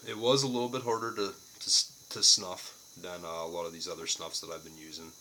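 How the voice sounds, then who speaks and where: A man's voice: sits low, level tone, a little fast, bright, forceful tone, slight background noise, rough recording. A man giving a casual, unscripted product review to camera, plain-spoken and casually profane.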